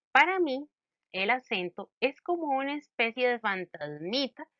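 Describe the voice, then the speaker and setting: A woman teaches a grammar lesson with a lively, sing-song delivery, her pitch rising and falling a lot. She keeps the students involved with playful questions. The recording sounds muffled and dry. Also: no room sound.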